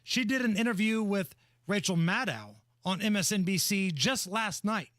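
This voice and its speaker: Guy talk radio cohost, pretty high voice, sarcastic and mocking, dry close sound. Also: expressive, normal speed, a bit bright, no echo. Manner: sardonic, mocking. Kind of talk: opinionated talk radio banter.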